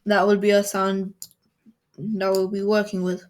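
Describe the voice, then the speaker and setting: A woman in a screen-recorded coding tutorial, speaking in an even, mid-range voice. She explains each button plainly and step by step. Faint mouse clicks sit low in the background. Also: unhurried, noisy background.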